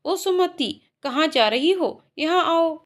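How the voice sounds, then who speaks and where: A woman voicing a sharp-tongued middle-aged village mother in a storybook reading. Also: very high-pitched, animated, takes it slowly, voice pushed up, full character voice. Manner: calling out, questioning.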